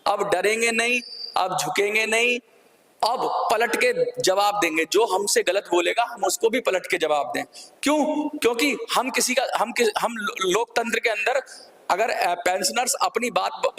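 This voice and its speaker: A man's voice: high-pitched, creaky, a bit bright. An older man giving a fervent, repetitive rallying appeal to viewers as a pensioners' campaign organizer.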